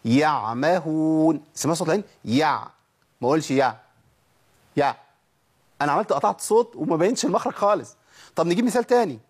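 A man with an Egyptian Arabic accent teaching Quran recitation, explaining letter sounds step by step and demonstrating them slowly. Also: sits high, lively intonation, slightly rough. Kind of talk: tajweed lesson.

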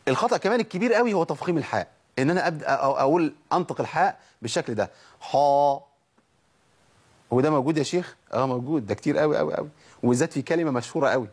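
A man's voice: on the high side, expressive, very fast, breathy edge. A man with an Egyptian Arabic accent teaching Quran recitation, demonstrating each sound and asking and answering his own questions. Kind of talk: tajweed lesson.

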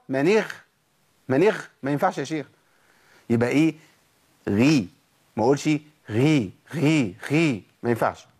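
A man with an Egyptian accent teaching Quran recitation, slowly repeating letter sounds to model correct and wrong pronunciation. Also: a little high, husky. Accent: Egyptian Arabic. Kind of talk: tajweed lesson, demonstrating letter sounds.

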